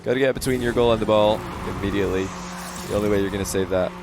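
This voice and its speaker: Brief: easygoing male replay coach with a lowish voice, chatty, soft beats underneath. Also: racing. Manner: relaxed coaching, frequent fillers. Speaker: game coach reviewing a replay. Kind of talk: casual replay commentary. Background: faint lo-fi background music.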